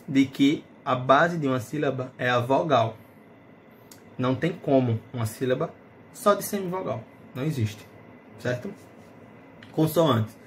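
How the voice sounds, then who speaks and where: A man's voice: mid-range voice, a little hiss or hum. A man teaching a phonetics lesson in Portuguese, explaining patiently and often checking in with his students. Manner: explanatory, checks in with tag questions.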